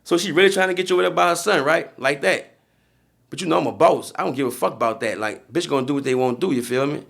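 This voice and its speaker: Gravelly New Orleans man telling a story. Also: on the high side, quick pace, fairly bright tone. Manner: streetwise slang, frequent "you feel me". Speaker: podcast guest. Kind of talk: casual storytelling.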